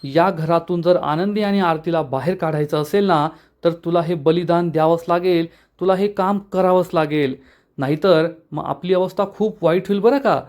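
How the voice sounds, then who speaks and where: A plotting, wheedling schemer from a TV serial, coaxing his sister into a bold plan, voiced by a man retelling the scene. The voice sits rather high and stays casual, with no real change from the teller's own. It is told as a recap, not acted out. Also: moderate pace, darkish tone, close to an everyday voice. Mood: persuasive. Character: scheming younger brother, blustering man.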